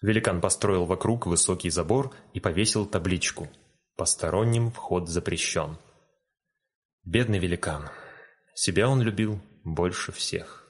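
A man reading a fairy tale aloud in a calm, gentle storytelling manner. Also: deep voice, normal speed, slightly rough. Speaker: narrator. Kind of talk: storybook narration.

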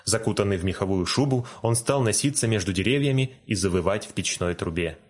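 A man reading a fairy tale aloud in a calm, gentle storytelling manner. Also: fairly low pitch, a little fast. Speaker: narrator. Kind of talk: storybook narration.

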